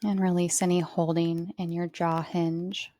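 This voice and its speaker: A woman yoga teacher leading a guided relaxation, with slow, soothing, spacious phrasing. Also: fairly low pitch, little pitch movement, warm tone, no room sound, clean studio sound.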